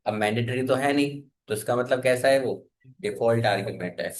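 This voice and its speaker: A man teaches a programming lesson, pausing often to quiz his students and wait for them to answer. His voice sits at an ordinary middle pitch. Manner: asks the class questions and waits for answers. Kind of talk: classroom coding lesson.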